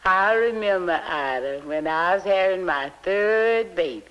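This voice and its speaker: A middle-aged woman with a slow Southern US drawl, talking soothingly and reassuringly as a midwife at work in a 1950s documentary film. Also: fairly low pitch, lively intonation, dull audio. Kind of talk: 1950s documentary, talking to a patient while working.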